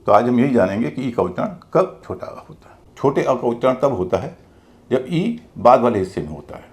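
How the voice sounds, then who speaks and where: A male teacher gives a methodical pronunciation lesson. His pitch rises and falls in a lively way as he stresses key sounds, and he spells out words letter by letter with patience. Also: fairly quick. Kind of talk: classroom-style explanation.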